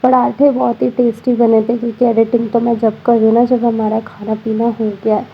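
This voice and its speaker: Her voice a little high, creaky and husky, a tired young vlogger with a slight cold narrates her day fairly quickly in a flat delivery. The voice-over was recorded separately and sounds dull, and she chats away with frequent fillers such as "matlab."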